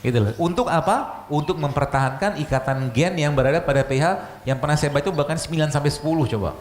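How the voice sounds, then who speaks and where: This man is a doctor delivering a religious health lecture, and his voice sits a little high as he talks fast. He's chatty and conversational, firing off rhetorical questions and frequent "gitu loh" asides. The room is echoey, with faint ambient noise.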